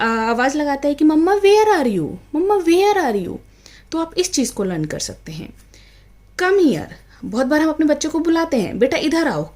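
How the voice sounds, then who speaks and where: A high-voiced woman talks parents through everyday phrases for their children. She speaks casually, calls her viewers friends and moves freely between Hindi and English. She acts out the lines the way a mother would call to her child. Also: darkish tone. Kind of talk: casual home lesson to parents.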